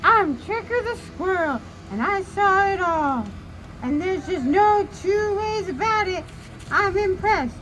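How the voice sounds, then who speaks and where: A woman's voice: animated, slow, fairly bright tone, exaggerated voice. A woman playing a small, sly red squirrel with a taunting, folksy manner in a storytelling puppet show. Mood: mock admiring. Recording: noisy outdoor live recording, traffic rumble.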